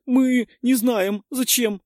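A man's voice: steady tone, takes it slowly, darkish tone, no room sound, studio quality. A man putting on a sobbing, scheming little girl. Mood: fake tearful. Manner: high, sobbing, breathless pleading. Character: crafty eleven-year-old girl feigning tearful fright. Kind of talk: audiobook character voice.

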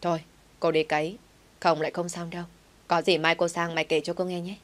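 A woman's voice: lowish voice, flat delivery, fairly quick, lightly acted. A woman reading an audio story, voicing a stern, nosy middle-aged aunt who speaks bluntly.

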